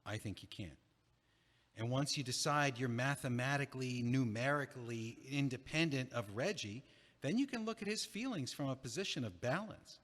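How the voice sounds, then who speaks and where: In an audio play, an actor voices an older male friend who is exasperated but caring, earnest in mood. His medium-pitched voice is animated and fairly bright at a normal speed, recorded in an echoey hall with long reverb.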